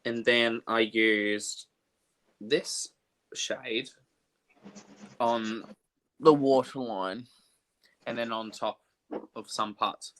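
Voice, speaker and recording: A young man hosting a casual makeup livestream, chatty and animated, quick to laugh. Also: medium pitch.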